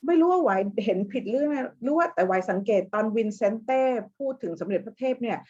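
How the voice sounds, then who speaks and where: Animated woman on a dull video call. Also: a little high, fast talker, husky. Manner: lively, animated storytelling. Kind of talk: casual meeting chat.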